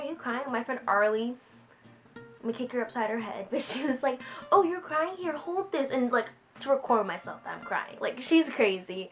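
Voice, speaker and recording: A teenage girl vlogs in a high, bright voice and tells her story in a giggly, excitable rush, full of fillers and restarts. Faint music plays under her voice. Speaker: vlogger. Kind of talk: casual storytelling vlog.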